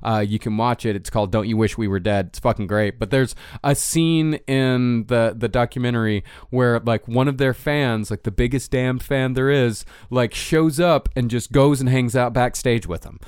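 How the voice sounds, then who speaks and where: A man co-hosting a podcast, talking in an animated way, swearing freely and laughing a lot, and at times narrating from notes. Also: medium pitch, normal speed, hardly any pauses, clear, resonant tone, no echo, clean studio sound. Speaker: podcast co-host. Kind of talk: casual chat and read narration.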